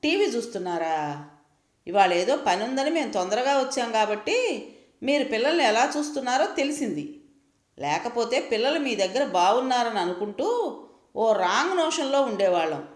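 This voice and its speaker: A woman voicing a sharp-tongued young mother who scolds and accuses her mother-in-law in a storybook reading. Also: a little high, very animated, normal speed, roomy sound. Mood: scolding.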